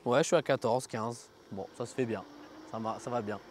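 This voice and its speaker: A man's voice: mid-range voice, normal speed, a little hiss or hum. A man giving casual, slangy vlog commentary, thinking aloud while riding outdoors. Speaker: vlogger reviewing an electric scooter. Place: outdoors, riding on city roads.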